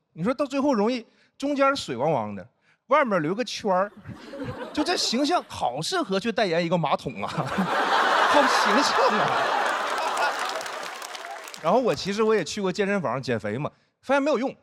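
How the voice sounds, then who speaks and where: A man doing stand-up on a stage, with a twang. His voice sits high and swings widely as he acts out his friends. Audience laughter and crowd noise are clearly heard behind him. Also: moderate pace, pauses often. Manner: animated storytelling, acting out friends' teasing. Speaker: stand-up comedian and head writer. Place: stage before a live audience.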